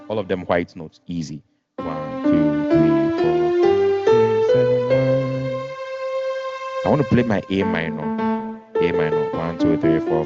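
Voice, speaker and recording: A man teaching a music lesson online, patient, repeating and rephrasing, counting notes aloud. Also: low voice. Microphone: video call. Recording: dull lo-fi video call audio.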